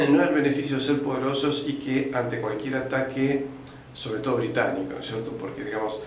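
An Argentine man lays out history like a patient lecturer, pausing on "eh" and "este" and now and then clearing his throat. His voice sits at an ordinary middle pitch. It rings around a very echoey room with a faint hiss of noise underneath. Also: fairly even intonation. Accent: Argentine Spanish. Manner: didactic storyteller, uses fillers like "este" and "eh", clears throat often. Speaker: interview guest.

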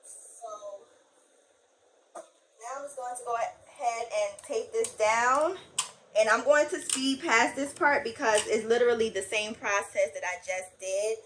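A woman with a fairly high voice walks viewers through a craft project. She talks casually and folksily while working, with faint noise in the room around her. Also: measured pace. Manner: folksy, addresses viewers as y'all. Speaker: craft tutorial host. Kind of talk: casual hands-on tutorial narration. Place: small indoor craft workroom. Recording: noisy room, uneven camera-mic sound.

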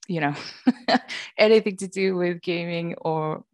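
A woman in her thirties speaks in a low voice through a headset on a video call, the sound close and dry. She talks in a friendly, self-deprecating way and laughs easily. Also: a little slow, dry recording. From England (born in Wales, grew up in Liverpool). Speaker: games industry panelist. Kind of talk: online panel talk. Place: small room indoors.

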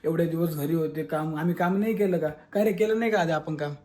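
A man's voice: on the high side, fairly even intonation, fast talker, crowd noise. A man taunting and berating someone with contempt in a heated family-feud video. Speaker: vlogger. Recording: echoey room.

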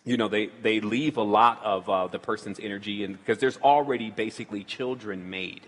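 A man's voice: lowish voice, brisk, long reverb tail. A man hosting a call-in show, speaking in a loose, rambling way with many restarts. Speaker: radio show host taking calls. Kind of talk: casual call-in talk.

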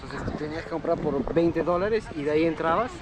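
A young male vlogger films a casual tour on busy city streets, chatting, teasing, and laughing often. His voice sits on the high side and he talks briskly, with background noise around him.

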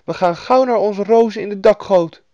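A man voicing a brave little girl, pitched high and bright, in a fairy-tale reading. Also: moderate pace, no room sound, lo-fi sound. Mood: eager.

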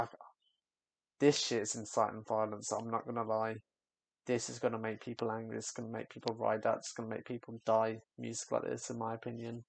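A man's voice: medium pitch, vocal fry, no echo. A young man giving casual, candid reaction commentary on a music video, rambling and trailing off with fillers.

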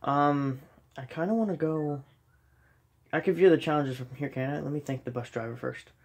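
A young gaming channel host records from a dark room at home, filming his TV screen and commenting casually on the game. A slight cold makes him sniffly, and he rambles self-deprecatingly with lots of ums. His voice runs on the high side at normal speed, slightly rough with vocal fry.

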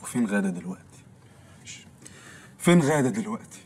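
A man's voice: fairly low pitch, sing-song, fast, a little mellow, husky. An actor playing a gloomy, dependent young man who talks in a whiny way and repeats himself in a film comedy. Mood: mopey.

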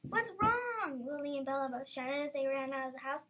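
A young girl, a student, reading her own story aloud, lively and bursting into excited exclamations. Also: high voice, fast. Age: child.

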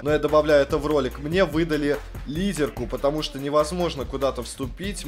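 A young man giving rowdy, profane gameplay commentary as a video host, swinging between loud yelling, laughing outbursts and calmer chat. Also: mid-range voice. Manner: rowdy, swearing, bursts of shouting and laughter.

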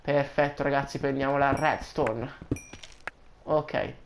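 Male let's-play host, casual gaming chat, excitable, quick to yelp and shout. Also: mid-range voice, creaky, background noise. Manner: excitable, yelps and cries out when startled; keeps addressing viewers as guys.

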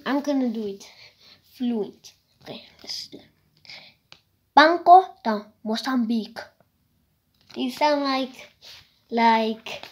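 A woman talks to camera in a casual show-and-tell vlog, her voice sitting fairly high. She speaks slowly and unhurriedly, drifting between thoughts with hesitant restarts. Every so often she drops into a soft whispered aside. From South Africa. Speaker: vlogger.

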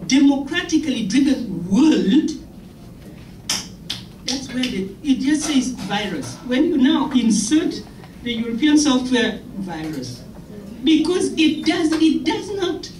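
A woman's voice: high voice, big pitch swings, takes it slowly, warm tone, slight background noise. A middle-aged woman giving an impassioned, emphatic keynote speech at a podium mic in a lecture hall. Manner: impassioned, emphatic, gestures widely. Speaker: keynote speaker. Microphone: podium mic on a stand. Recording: echoey hall, picked up from far off.

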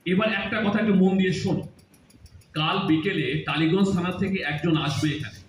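A man's voice: high-pitched, a little fast, natural voice. A man playing a grown son in an audio drama, teasing and lecturing his mother and aunt. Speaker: radio drama actor. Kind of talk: Bengali audio drama acting. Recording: distant echoey room with faint hiss.

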